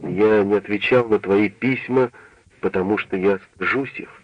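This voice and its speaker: Man reading as a hoarse, bitter old doctor. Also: lowish voice, normal speed, no echo, natural voice. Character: older male doctor, ashamed and angry. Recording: dull, dry radio recording.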